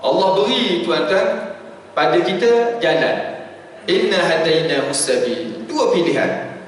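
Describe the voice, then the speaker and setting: A Malaysian man preaches at a dawn lecture in a high, restless voice that swings widely as he teases his listeners. He slows down to chant Arabic verses. The sound comes from a distant mic in a heavily echoing mosque hall with a faint hiss underneath. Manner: animated and joking, addresses listeners as sirs.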